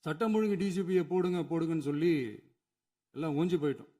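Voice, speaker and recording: A man's voice: on the high side, fast talker, mellow. A man, a chief minister, giving an emphatic formal speech in a legislative assembly hall, building his points through repetition.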